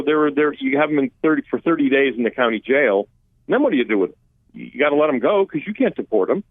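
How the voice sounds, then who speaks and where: Heard over a dry phone line with no room sound, a man with a fairly high-pitched voice speaks as a policy expert on a political talk radio show. Armenian is his first language, and he works through immigration issues in an emphatic, conversational way with many restarts.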